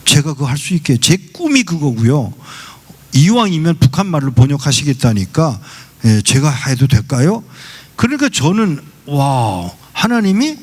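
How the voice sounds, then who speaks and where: A man's voice: fairly high pitch, very animated, normal speed, slightly rough. A male pastor preaching a sermon, telling a story and acting out the dialogue in quoted voices. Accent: Seoul Korean. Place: church sanctuary.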